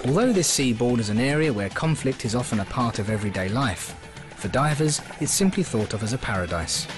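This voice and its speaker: A man narrates a documentary in a scripted, measured voice. His pitch moves a lot as he speaks. Music plays clearly behind him. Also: lively intonation.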